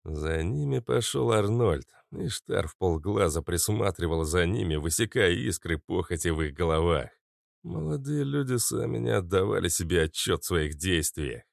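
Deep, lively male audiobook narrator with a gravelly edge. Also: moderate pace, dry recording, studio quality. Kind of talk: scripted narration.

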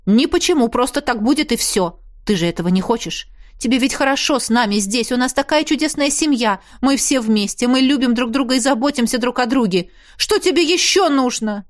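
A woman's voice: fairly high pitch, lively intonation, brisk, lightly acted. A woman voicing a stern, controlling mother who speaks firmly and insistently, in a storybook reading. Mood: coaxing. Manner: firm, insistent coaxing.

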